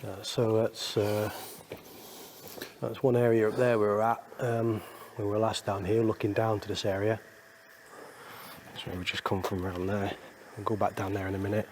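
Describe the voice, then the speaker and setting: A man's voice: fairly low pitch, flat delivery, moderate pace, background noise. A man filming himself in a slate mine, chatting casually with viewers and sometimes out of breath. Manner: chatty, laughs often, addresses viewers as folks. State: out of breath at times. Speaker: channel host filming underground. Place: inside a large slate mine. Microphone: handheld camera mic.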